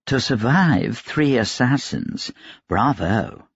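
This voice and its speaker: A man's voice: mid-range voice, takes it slowly, husky, dry recording, lo-fi sound, pitched above the performer's own voice, full character voice. A man voicing a cold, emotionless noble. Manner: calm, detached, menacing.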